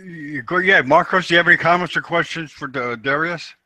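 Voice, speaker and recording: A man's voice: a little high, brisk, bright, forceful tone, no room sound. A man moderating a discussion and putting plain interview questions.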